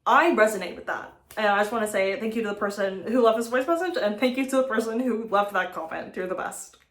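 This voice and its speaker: Female vlog host, casual chat, mid pitch, roomy echoing sound. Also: fast talker. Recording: echoey room sound.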